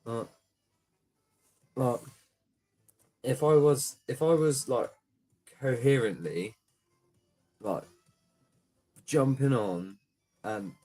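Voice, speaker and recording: A man's voice: mid-range voice, expressive, slow pace, long pauses, warm tone, slightly rough, faint music behind, poor audio. A young man, a small gaming YouTuber, ranting casually to camera with lots of swearing and fillers. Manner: swears a lot, rambling with many fillers.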